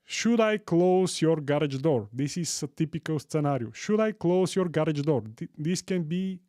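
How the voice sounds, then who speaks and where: A Bulgarian man in his forties hosting a live tech stream, enthusiastic and warm toward viewers, often repeating himself as he goes. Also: a little high, normal speed, no echo, studio quality. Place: home studio room. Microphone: studio mic on boom arm.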